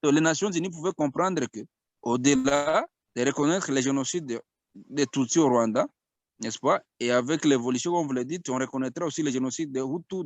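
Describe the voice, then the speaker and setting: A man's voice: fairly high pitch, no room sound. A man from the Congo speaking as a guest in a radio interview, arguing earnestly and often restarting his phrases. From Congo (DRC).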